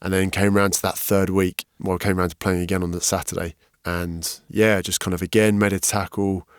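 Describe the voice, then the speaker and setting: A man, a podcast guest, telling his story candidly and frankly, getting animated when he quotes other people. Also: low-pitched, moderate pace, no room sound, clean studio sound. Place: podcast studio.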